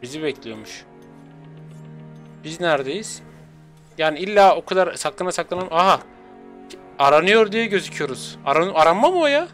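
A man doing excitable, jokey live gameplay commentary at home, jumping to high squeals when he is chased. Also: fairly quick, pauses often, faint music behind. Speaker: gaming streamer. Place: home room with an open window.

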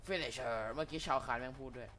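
A young man, a gaming YouTuber, doing excitable let's play commentary, with loud exclamations, crude slang and yelps at every hit. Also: mid-range voice, a little fast. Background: game music.

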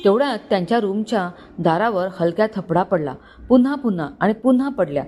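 A woman's voice: medium pitch, lively intonation, a little fast, dark tone, slight background noise. A woman storyteller giving a scripted, dramatic narration of a suspenseful family tale.

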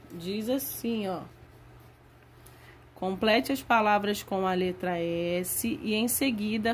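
A woman teacher giving a lesson to young children, spelling out words slowly and stretching them out. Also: medium pitch, slight background noise. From Brazil. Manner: slow, drawn-out spelling of words.

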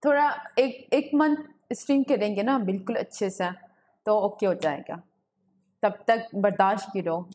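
A woman's voice: medium pitch, unhurried, darkish tone. Young female streamer, giggly and chatty, casual home webcam chat. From Pakistan. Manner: giggly, chatty, greets viewers and reads chat aloud. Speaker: gaming livestreamer. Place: home room with a ring light. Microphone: webcam setup.

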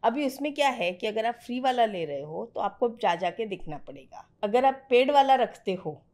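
A woman's voice: fairly high pitch, lively intonation, normal speed, a little mellow. A middle-aged woman mentoring a student on trading in a direct, firm conversational way, slipping English phrases into her talk. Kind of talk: conversational teaching.

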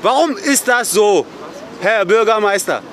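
A man protesting outdoors at a memorial, shouting repeated accusing questions at an official in an angry street confrontation. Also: sits high, expressive, unhurried, a faint crowd.

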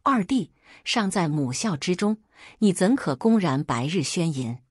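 Hypocritical elder brother , read by a woman, reproachful, husky. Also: fairly low pitch, big pitch swings, a little slow, a little mellow, no room sound, clean studio sound, heavily acted. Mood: scolding.

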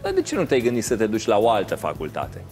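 A middle-aged Romanian man hosting a quiz show, coaxing and teasing the contestant in an animated way. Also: fairly low pitch, soft background music. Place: TV studio.

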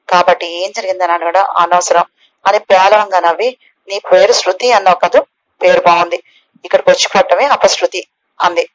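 A woman reading a novel aloud as an audiobook narrator, lifting her voice a little for the characters' lines. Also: medium pitch. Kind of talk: scripted narration of a novel, voicing all characters. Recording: slightly dull, lo-fi recording.

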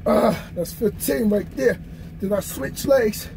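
Recorded on a phone camera on a stand close by, a thirtysomething trucker casually talks viewers through a bunk workout in his sleeper cab. He speaks slowly and easily in a high, creaky voice with a little hiss or hum.

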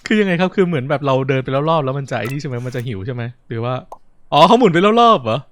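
Chatty man playing a game, lively pitch. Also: very fast. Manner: chatty, reacts aloud and reads game dialogue. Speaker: gaming streamer. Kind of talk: casual let's-play commentary.

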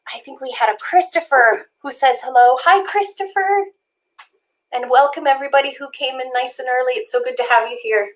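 A woman's voice: high-pitched, a little fast, poor audio. A woman co-hosting a live children's sing-along from home, cheerful and encouraging, speaking like a teacher. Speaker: children's music co-host.

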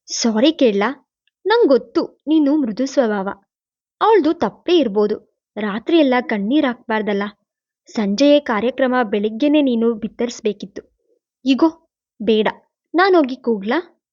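A woman's voice: a little high, animated, measured pace, long pauses, darkish tone, lo-fi sound. A woman voicing a caring young woman who coaxes and pleads with her brother in a storybook reading. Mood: coaxing.

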